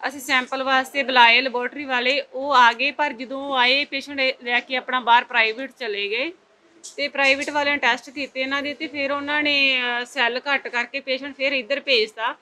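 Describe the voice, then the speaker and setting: A Punjabi woman from the hospital staff answers a reporter's questions defensively. Her voice is high and bright, and she turns aside every charge. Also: steady tone, a little fast. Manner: defensive, denying.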